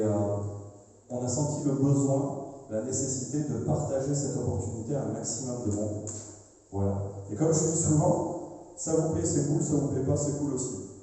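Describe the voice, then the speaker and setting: A man's voice: medium pitch, warm tone. Jokey southern French man in an echoey hall. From southern France. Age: 40s. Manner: jokey, chatty, addresses the audience directly. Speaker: event host introducing the presenter. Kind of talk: live public presentation. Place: large echoing hall, recorded from a distance. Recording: distant, echoey hall recording.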